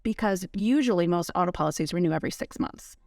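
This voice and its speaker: A woman's voice: fairly low pitch, expressive, fast, darkish tone, dry recording, studio quality, recorded from a distance. A woman guest who owns an insurance agency, speaking plainly with a few hesitations on a casual talk show. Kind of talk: casual chat.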